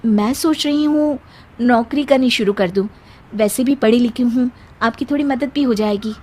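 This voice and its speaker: A woman's voice: fairly high pitch, normal speed, a little mellow, close to an everyday voice. A woman voicing a polite, earnest young daughter-in-law in a cartoon family story. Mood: earnest, helpful. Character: gentle, dutiful young daughter-in-law, worried and self-sacrificing. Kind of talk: cartoon moral story voice acting.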